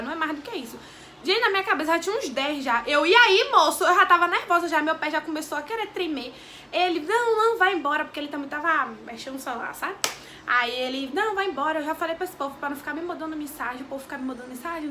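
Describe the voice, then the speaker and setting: A young Brazilian woman with a Bahian Portuguese accent shares an emotional, devout personal testimony in a vlog, repeating phrases as she speaks. Her voice sits high and sounds bright and forceful, with slight background noise.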